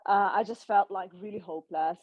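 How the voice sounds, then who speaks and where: A woman's voice: medium pitch, steady tone, no echo. Hungarian-born woman, muffled dry sound. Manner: thoughtful, pausing, laughs softly. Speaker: guest, nutritional therapist. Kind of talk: conversational interview.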